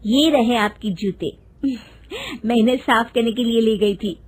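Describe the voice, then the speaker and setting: Casting: woman playing a young daughter-in-law, polite and hesitant, high light voice, storybook. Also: measured pace, slight background noise, close to an everyday voice.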